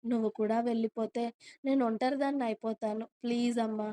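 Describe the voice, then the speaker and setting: A woman voicing a timid, grieving young wife who speaks softly and hesitantly in a storybook telling. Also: a little high, fairly even intonation, fast talker, clean tone, close to an everyday voice. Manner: soft and hesitant.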